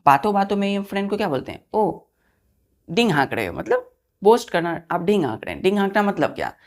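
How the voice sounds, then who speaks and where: A woman's voice: mid-range voice, big pitch swings, fast talker. A woman teaching vocabulary to students, spelling words letter by letter and asking quiz-style questions. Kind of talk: vocabulary lesson for exam students.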